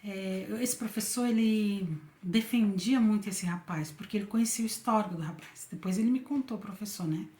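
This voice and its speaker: A woman's voice: medium pitch, moderate pace, warm tone. Brazilian woman telling a story, roomy echo. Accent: Brazilian Portuguese. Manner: conversational, tags many phrases with a questioning "né?". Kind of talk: telling a personal faith story. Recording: roomy echoey room.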